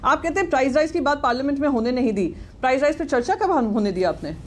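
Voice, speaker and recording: A woman speaking as a party spokesperson in a heated TV debate, sharp and sarcastic as she rebukes an opponent. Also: sits high, lively intonation, quick pace, slight background noise.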